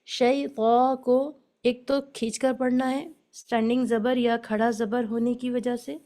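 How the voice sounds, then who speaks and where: A woman teaching Quran recitation in an online lesson, explaining each sound and modelling it slowly, with English words mixed into her speech. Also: on the high side, little pitch movement, mellow.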